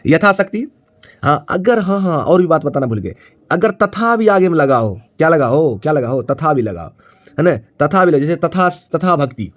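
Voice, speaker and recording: A man with a fairly high voice teaches a grammar lesson in classroom style. He repeats key points, poses questions to the students and answers them himself, checking often that they follow. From Bihar, India. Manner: frequent tag question "है ना".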